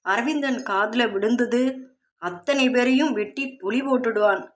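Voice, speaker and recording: நாவல் வாசிப்பில் மனைவியை நிதானமாக சமாதானப்படுத்தும் வயதான மாமனார், ஒரு பெண் நடித்துக் காட்டுகிறார். குரல் நிதானமாகவும் சற்று உயரமாகவும் ஒலிக்கிறது. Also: female voice, on the high side, moderate pace, natural voice. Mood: calming. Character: calm, reasoning older father-in-law.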